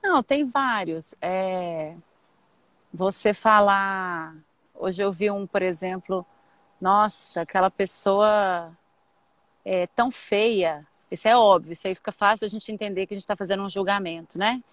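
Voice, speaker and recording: A woman co-hosts a relaxed, explanatory conversation. She talks in a mid-range voice, working through her points aloud with frequent restarts and self-corrections. The sound is dry, with no room echo. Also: medium pitch, normal speed. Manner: thinks aloud, often restarting and correcting herself. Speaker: co-host explaining nonviolent communication. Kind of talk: casual teaching conversation.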